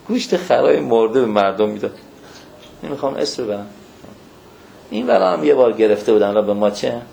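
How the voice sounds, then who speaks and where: A man's voice: mid-range voice, gravelly, long pauses, slight background noise, poor audio. A man giving an informal religious lecture to believers, telling stories. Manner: animated storytelling, addresses listeners as believers.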